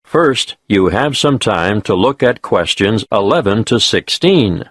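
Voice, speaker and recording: A man's voice: fairly low pitch, lively intonation, a bit bright, dry recording, studio quality. A man reading formal instructions as the narrator of a listening test. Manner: measured, formal announcing. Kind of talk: scripted instructions.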